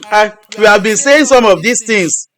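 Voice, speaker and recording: High-voiced man, repeating instructions. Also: normal speed, a bit bright. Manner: repetitive, restarts phrases. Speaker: host. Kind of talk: live-stream teaching.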